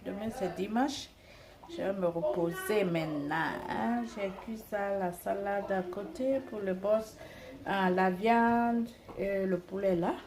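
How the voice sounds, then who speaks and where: A tired woman vlogging casually while she cooks, chatting playfully to her viewers. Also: a little high. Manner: playful, talks to viewers and herself while cooking. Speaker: cooking vlogger. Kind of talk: casual vlog chat, switching between languages.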